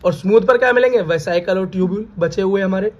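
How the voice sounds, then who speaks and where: High-voiced Hindi-speaking biology teacher. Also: male voice, quick pace, dull audio. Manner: repeats key terms as questions, calls students "beta". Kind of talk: classroom lecture.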